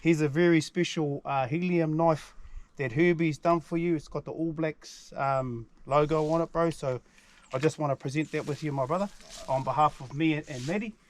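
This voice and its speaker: A man's voice: a little high, moderate pace. Man with a broad Kiwi accent. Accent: broad New Zealand. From New Zealand. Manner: laid-back, slangy, matey. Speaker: hunting vlog host. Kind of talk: casual outdoor vlog talk and narration. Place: outdoors in a mountain valley.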